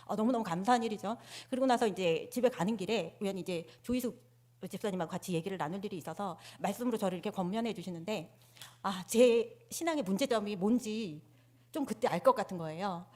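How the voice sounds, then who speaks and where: A woman's voice: medium pitch, fast talker, a little mellow. A woman giving a personal testimony to her church congregation on a handheld microphone, telling her story candidly and poking fun at herself. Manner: candid, self-mocking storytelling. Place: church sanctuary.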